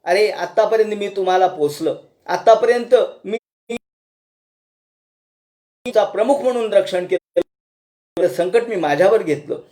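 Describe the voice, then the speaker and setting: A man's voice: high-pitched, measured pace, pauses often, warm tone. A man voicing an exhausted male elephant king in a devotional story, pleading with and reproaching his family for help. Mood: pleading, reproachful.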